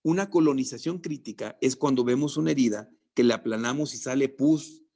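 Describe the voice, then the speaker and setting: A man lecturing nursing students, lively and joking, with theatrical asides and mock threats. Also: medium pitch, a little fast. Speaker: medical lecturer.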